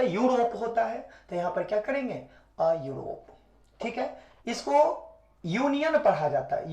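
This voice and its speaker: A woman teacher giving a grammar lesson, repeating words slowly and often checking whether students understood. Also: a little high, warm tone, muffled recording. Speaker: English teacher. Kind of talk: classroom-style grammar lesson. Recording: echoey room.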